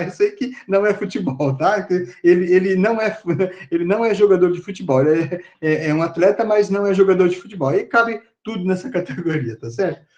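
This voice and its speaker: A man's voice: high-pitched, warm tone. A male professor giving an online class lecture in a conversational way, with many fillers and tag questions.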